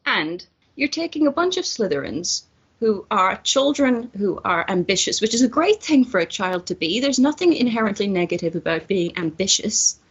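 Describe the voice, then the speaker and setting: A woman's voice: mid-range voice, sing-song, moderate pace, breathy edge. A woman in a casual barstool debate over drinks, arguing her points step by step, in a dull lo-fi recording. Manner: argumentative, builds points step by step.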